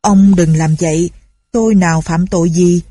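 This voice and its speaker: A woman's voice: fairly low pitch, fairly even intonation, normal speed, slightly rough. Woman doing a desperate old father. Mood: pleading. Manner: pleading, then shouting for help.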